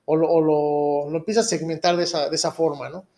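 Mexican guy in his 30s, pretty high voice, slangy podcast host, rambles and keeps asking for agreement. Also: little pitch movement, fast talker, darkish tone. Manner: rambling, keeps seeking agreement with tag questions. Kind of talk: casual street-slang chat.

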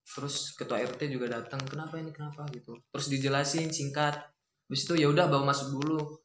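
A young man telling a ghost story from his childhood in a quiet, rambling, casual way, acting out what his family said. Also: mid-range voice, little pitch movement, brisk. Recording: echoey room with faint noise.

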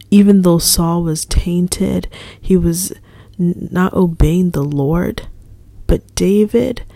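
Soft-spoken earnest woman minister. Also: on the low side, vocal fry, no echo. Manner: earnest, repetitive, soft-spoken with whispery stretches. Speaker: ministry leader. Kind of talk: casual devotional talk.

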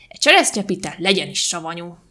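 A woman reading aloud and voicing a stout, nosy man who talks slowly and a little lower than her narration. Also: very animated, bright, forceful tone. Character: stout pushy man, a nosy office colleague.

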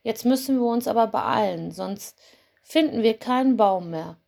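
A woman voicing a brisk, practical father in a storybook, hurrying everyone along. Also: on the high side, gravelly, darkish tone. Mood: hurried.

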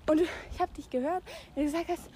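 A woman's voice: high voice, quick pace, dark tone. A teenage girl chatting casually with a friend in a park and talking to her viewers, breathless and argumentative. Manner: breathless, arguing and addressing viewers. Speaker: vlogger. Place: outdoors in a park. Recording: phone recording with park noise.

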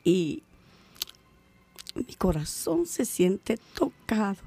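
A woman's voice: mid-range voice, sing-song, extremely slow, dark tone, breathy edge. A woman in her sixties from Venezuela, a guest on a faith program, speaking devoutly and praying aloud with scripture. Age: 60s. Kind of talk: faith radio conversation and prayer.

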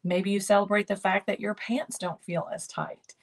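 Older woman host with a gravelly edge, upbeat coaching delivery. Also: mid-range voice, flat delivery, normal speed. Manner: encouraging, repetitive coaching phrases. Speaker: host of a keto lifestyle channel. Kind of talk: motivational talk to camera.

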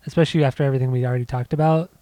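A man's voice: medium pitch, fairly even intonation, racing, mellow. A man co-hosting a casual music podcast, winded after a bike ride, rambling with lots of restarts and fillers. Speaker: podcast co-host. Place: home.

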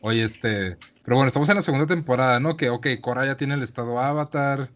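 A man with a Mexican Spanish accent co-hosts a casual podcast chat. He talks in a relaxed way with slang and fillers. His voice sits at an ordinary middle pitch. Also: fast talker. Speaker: podcast co-host. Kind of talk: casual chat about a cartoon series.

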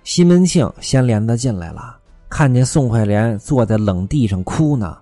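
A man narrating a classic tale in traditional storytelling style, lively and with wry asides. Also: mid-range voice, moderate pace, no room sound, faint music behind.

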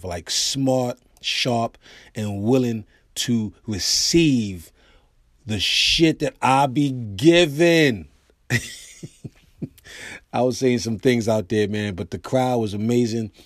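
An American man hosting his own podcast, telling comic stories in a loose, animated way. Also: mid-range voice, takes it slowly, no room sound, studio quality. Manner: animated storyteller, acts out quoted voices. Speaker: podcast host and comedian. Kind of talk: casual storytelling monologue.

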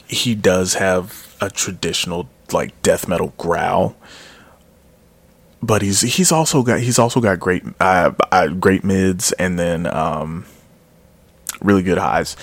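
A man's voice: sits low, a bit bright, no echo. A man giving a casual, rambling spoken review of a metal album, often correcting himself and trailing off into mumbles.

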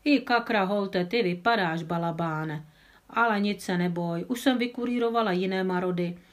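A woman's voice: mid-range voice, natural voice. A woman voicing an old village herb woman, nearly eighty, who is folksy and reassuring in a storybook reading. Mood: gruffly reassuring. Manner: folksy exclamations.

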